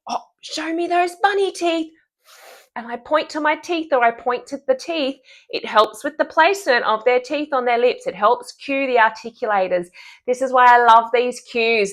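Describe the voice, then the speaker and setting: A female speech-language pathologist, her voice a little high and somewhat bright, upbeatly explains animal sound cues for children's speech therapy, demonstrating the sounds and gestures as she goes.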